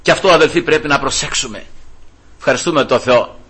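A man preaching a sermon with passion, his voice swinging high and low as he acts out biblical dialogue. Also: sharp tone, husky.

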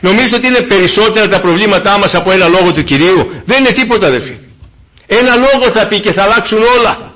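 A man preaching a fervent sermon, swinging between loud exclamations and hushed asides to the congregation. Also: high-pitched, animated. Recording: dull lo-fi recording.

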